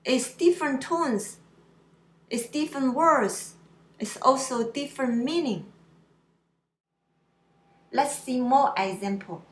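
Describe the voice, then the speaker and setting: A woman's voice: high voice, slow, pauses often, roomy sound. A woman teaching Mandarin pronunciation in simple, slightly broken English, drawing out each syllable and exaggerating the tones. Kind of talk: slow pronunciation lesson.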